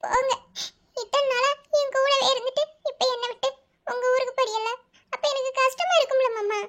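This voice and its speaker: A woman's voice: extremely high pitch, a little fast, a bit bright. A woman voicing a tearful, shy young village girl in love, pleading and sulking in Madurai Tamil for a cartoon. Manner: pleading, sulky.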